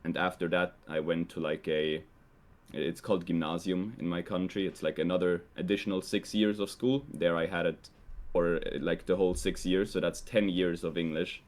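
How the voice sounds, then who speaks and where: Deep-voiced young man, hesitant. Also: normal speed. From Switzerland. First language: Swiss German. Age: young adult. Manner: relaxed, hesitant, heavy use of "like" and "um". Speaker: guest. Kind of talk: casual conversation.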